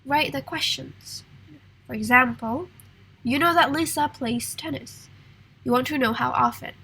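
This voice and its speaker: Woman teacher, sore throat, high and bright, husky, slow and patient, video call lesson. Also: poor audio. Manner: patient, encouraging, reads exercises aloud. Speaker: English teacher. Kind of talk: online class teaching.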